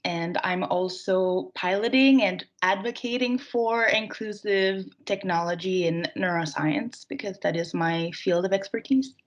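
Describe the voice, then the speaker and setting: A woman's voice: mid-range voice, measured pace, few pauses, highs cut off. A young woman, a recent graduate, introducing herself fluently on a panel. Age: young adult.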